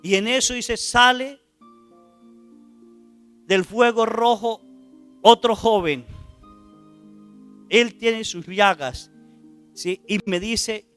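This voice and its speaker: Priest guy preaching, high clear voice, acts out the story loud, music faint behind. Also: very slow, pauses often. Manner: dramatic retelling, voice rising to cries in quoted lines; asks the audience rhetorical questions. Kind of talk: sermon storytelling.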